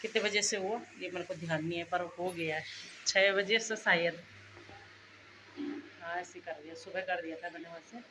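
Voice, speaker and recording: A woman's voice: fairly low pitch, steady tone, moderate pace, long pauses, noisy background. A middle-aged woman chatting casually to her viewers in a family vlog, recorded on a phone at home. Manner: chatty, homely, talks straight to viewers. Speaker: family vlogger. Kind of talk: casual chat to camera. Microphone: phone camera. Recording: echoey room with faint background ambience.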